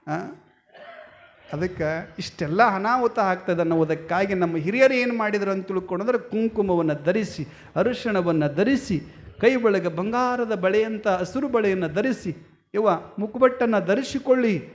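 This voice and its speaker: A man with a very high voice preaches in a North Karnataka Kannada accent. He tells folksy stories to his listeners, calling out to the women and slipping into small voices for the characters. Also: unhurried. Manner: folksy, addresses women as yavva, acts out story voices. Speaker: swami preacher. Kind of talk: devotional sermon with storytelling.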